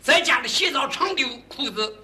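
A man's voice: very high voice, expressive, moderate pace, pushed and bright. A man performing stage crosstalk, telling a comic story as a clueless country bumpkin. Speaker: lead comedian in a crosstalk duo.

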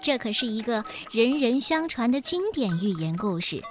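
Expressive woman reading a children's story. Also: a little high, moderate pace, over music.

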